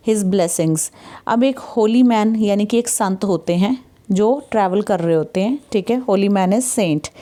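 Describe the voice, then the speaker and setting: A woman's voice: mid-range voice, warm tone. A woman with an Indian accent teaching an English textbook chapter, patiently explaining and often checking that students follow. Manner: patient, repeats "ठीक है" to check understanding; reads English passages slowly and deliberately.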